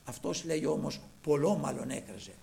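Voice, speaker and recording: A man preaching a sermon, retelling scripture dramatically and swinging between loud and hushed delivery. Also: on the high side, lively intonation, creaky.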